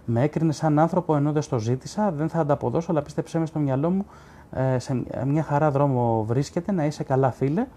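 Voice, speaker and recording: With a warm, somewhat high voice, a male sports journalist runs a live stream where he reads viewer comments and bluntly disputes them. He talks casually, often using fillers and restarting.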